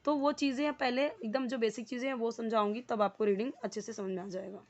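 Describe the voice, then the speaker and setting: A woman with an Indian accent teaching a spoken English lesson, explaining slowly and repeating words and their meanings. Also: fairly high pitch, steady tone, highs cut off.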